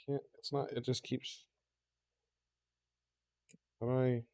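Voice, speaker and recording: A man's voice: medium pitch, little pitch movement, slow, a little mellow, no room sound. A man streaming a game, chatting casually and profanely with his viewers into a mic just below his mouth. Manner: rambling and profane, talks to his chat. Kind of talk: casual live-stream chat. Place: home streaming setup.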